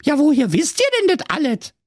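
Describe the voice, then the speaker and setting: A man's voice: sing-song, a little fast, no room sound, studio quality. A man voicing a cheeky young girl, brash and blunt, in a comic fairy tale. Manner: brash and squeaky.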